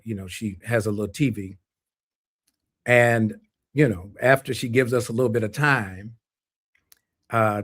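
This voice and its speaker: A man telling a slow, reflective story in a radio conversation. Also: mid-range voice.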